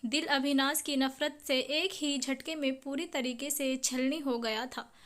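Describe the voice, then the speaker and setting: A woman's voice: high-pitched, steady tone, unhurried, a bit bright. A woman narrating a dramatic family story, reading all the characters' lines in her own voice. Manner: reads every character's lines in her own voice, reading the speaker names aloud.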